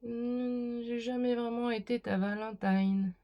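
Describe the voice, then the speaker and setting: A woman's voice: on the high side, fairly even intonation, slow, dull audio. A woman doing a casual spoken card reading, talking straight to the viewer with many fillers and restarts. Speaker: card reader.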